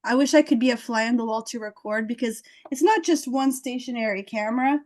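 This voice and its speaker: High-voiced animated woman host. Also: a little fast. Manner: animated, enthusiastic, acts out quotes. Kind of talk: casual advice chat.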